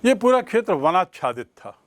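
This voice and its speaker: A man teaching a history lesson, explaining slowly and repeating key terms for his students. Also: sits high, sing-song, no echo. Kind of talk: classroom history lecture.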